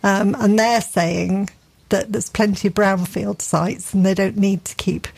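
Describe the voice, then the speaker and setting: A woman's voice: mid-range voice, steady tone, a little slow, gravelly, darkish tone, breathy edge. A middle-aged woman from England with a Derbyshire accent, co-hosting a radio gardening show in chatty, enthusiastic casual talk full of fillers and restarts. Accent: English, Derbyshire.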